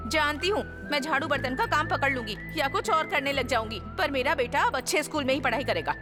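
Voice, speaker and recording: A woman dubbing a fed-up mother in a film, shrill and scolding. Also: fast talker, long reverb tail, natural voice. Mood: resolute. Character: angry fed-up mother, shouting at son. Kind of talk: Hindi film dub. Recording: film dub over music.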